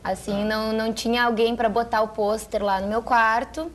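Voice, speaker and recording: A woman's voice: a little high, steady tone, normal speed. A young woman, a guest chatting casually about her teen years. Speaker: guest, fellow TV presenter. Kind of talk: casual chat.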